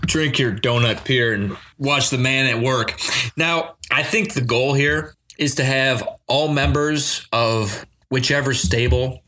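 A man's voice: mid-range voice, slow, pushed and bright, a little hiss or hum. A man co-hosting a podcast, teasing his partner and giving playful, confident wrestling picks in casual chat. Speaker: podcast co-host.

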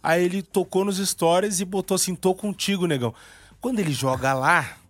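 A man from Porto Alegre speaks with a southern Brazilian accent, telling stories casually as a guest on a radio show. His voice sits a little high, and he acts out the other people in his stories. The sound is dry and close to the mic. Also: fairly quick, no room sound. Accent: southern Brazilian Portuguese (gaúcho). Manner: animated storyteller who acts out quoted dialogue. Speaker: comedian guest. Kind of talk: casual storytelling interview. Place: radio studio.

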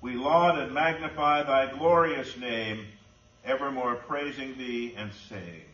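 Pastor intoning in a cathedral echo. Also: male voice, mid-range voice. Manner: solemn, measured, formal. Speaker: pastor leading a liturgy. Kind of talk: formal liturgical intoning. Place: large church sanctuary. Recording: dull, echoey church from far off.

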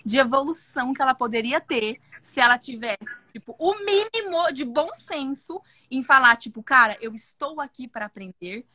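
A young woman, talking in a loud, intense and expressive way in a casual podcast chat. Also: high-pitched, normal speed, few pauses, dry recording. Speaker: podcast guest.

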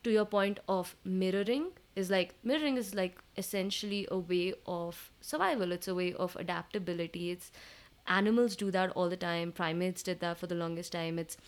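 A woman's voice: fairly low pitch, fairly even intonation, normal speed. A woman from South India with a South Indian accent, chatting casually in an explanatory way and agreeing emphatically. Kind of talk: casual conversational discussion.

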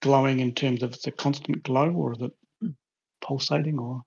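A man's voice: mid-range voice, steady tone, normal speed, creaky, a little mellow, husky. A man playing in a tabletop game who asks questions and cracks jokes. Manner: joking, inquisitive. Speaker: player. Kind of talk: casual tabletop chat. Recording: dull lo-fi sound.

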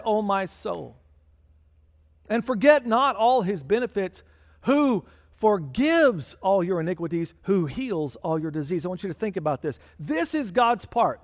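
High-voiced preacher in a reverberant hall. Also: male voice. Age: adult with a child. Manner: fervent, emphatic preaching with swelling intensity. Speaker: pastor. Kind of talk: sermon. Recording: long reverb of a large hall.

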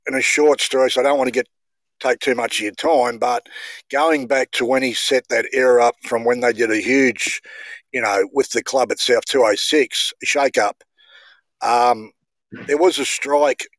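A man's voice: medium pitch, steady tone, normal speed, a bit bright, dry recording, low-quality recording. A man, a podcast guest telling long, rambling stories in casual chat. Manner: rambling storyteller, says mate.

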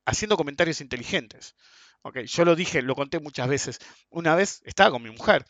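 Argentine man, blunt casual ranter with crude slang; forceful bright tone, dull lo-fi capture. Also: on the high side, animated, a little fast, no room sound. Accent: Argentine Spanish. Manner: blunt and crude, tags sentences with "ok?" and "viste?". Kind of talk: casual ranting monologue. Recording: dull, lo-fi and dry.

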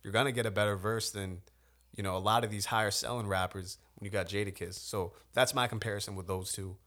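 A man co-hosting a podcast, arguing his point at length in casual chat, animated and swearing freely. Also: fairly low pitch, fast talker. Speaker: podcast co-host.

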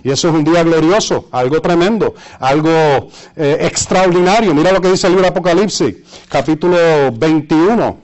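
A man with a Puerto Rican Spanish accent preaching and reading scripture, repeating phrases for emphasis and pausing to search for words. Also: a little high, darkish tone, muffled recording. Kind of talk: sermon with Bible readings and asides to listeners.

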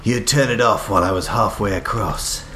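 A man playing the Joker, a deranged, theatrical villain with a halting, darkly amused and melancholy delivery in a superhero audio drama. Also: fairly low pitch, background noise, lightly acted. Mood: wry storytelling. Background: rain and music.

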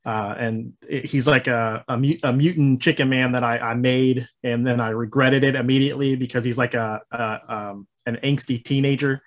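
A man talking casually as an interview guest, halting and rambling, with frequent chuckles. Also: medium pitch, fairly even intonation. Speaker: interview guest, maker of a horror host show.

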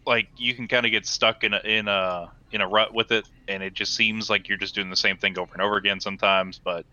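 A man co-hosting a gaming podcast in casual chat, speaking haltingly with many restarts. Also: lowish voice, fairly even intonation, pushed and bright, lo-fi sound. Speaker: podcast co-host.

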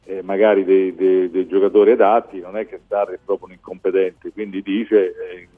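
Man, lowish voice, radio football pundit, explanatory, thin phone-like sound, music behind. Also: little pitch movement, moderate pace. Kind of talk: live football talk commentary.

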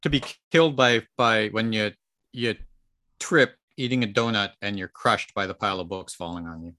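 A man's voice: lowish voice, moderate pace, bright, forceful tone. A man co-hosting a wargaming podcast, trading wry, joking banter in a casual chat. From Canada. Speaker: podcast co-host.

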